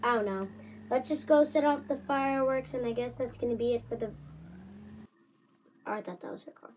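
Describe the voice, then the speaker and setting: A young woman giving casual game commentary, excitable and jumpy, swinging from nervous mumbles to loud surprised outbursts. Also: on the high side, a little fast, a little hiss or hum, rough recording. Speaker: gaming channel host.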